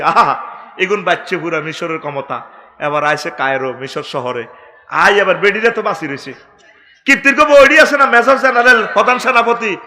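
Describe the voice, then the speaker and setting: A middle-aged man preaching a waz sermon, storytelling comically with sudden shouts. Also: high voice.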